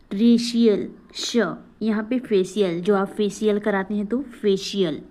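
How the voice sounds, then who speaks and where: A woman's voice: mid-range voice, darkish tone, poor audio. A woman teaching an English phonics lesson, asking questions and answering them herself, with encouraging asides. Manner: slow, drilling questions and repeating answers; breaks into recited motivational verse.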